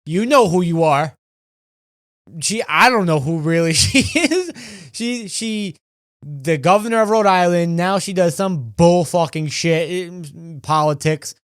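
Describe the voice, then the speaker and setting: A man's voice: high-pitched, a little slow, smooth, no echo, studio quality. A young man in his twenties, a podcast co-host telling a rambling, profane story in casual chat.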